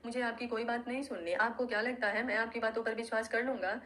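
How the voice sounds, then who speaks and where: A hot-tempered young hero in an audio love story, forceful and firm, quick to command, read by a woman storyteller. The voice stays fairly high, near the reader's own. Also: steady tone, lightly acted. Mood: angry. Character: young man, hot-tempered hero who plots cleverly.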